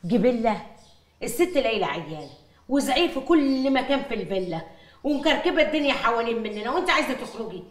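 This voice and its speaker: An actress playing a grumpy, pious older housekeeper who bluntly scolds a maid. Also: female voice, a little high, big pitch swings, fast, echoey room. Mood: scolding. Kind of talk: TV drama acting.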